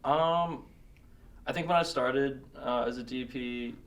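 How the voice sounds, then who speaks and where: A man talking as a podcast guest in casual chat, relaxed and hesitant, full of fillers. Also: mid-range voice, slow pace, recorded from a distance. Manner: relaxed, hesitant with many fillers, laughs often. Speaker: guest, cinematographer and director. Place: podcast studio.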